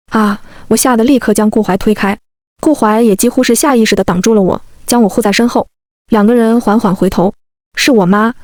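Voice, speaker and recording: A woman's voice: medium pitch, darkish tone, no echo, studio quality. A young woman telling a first-person romance story, voicing all the characters in her own light voice. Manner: plays every character in the same light voice. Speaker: narrator.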